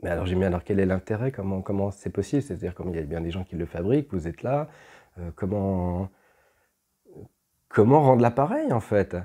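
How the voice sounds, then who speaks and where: A man's voice: deep voice, brisk, warm tone, breathy edge. A man telling a personal story at home in a casual, rambling way, with many fillers and restarts. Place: at home, with pets.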